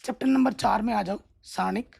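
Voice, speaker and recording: A man with a gravelly, slightly husky voice teaches maths, going through the exam syllabus point by point. He instructs steadily and checks in with his students again and again. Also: sits high, a little fast, a little mellow. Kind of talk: exam syllabus walkthrough lesson.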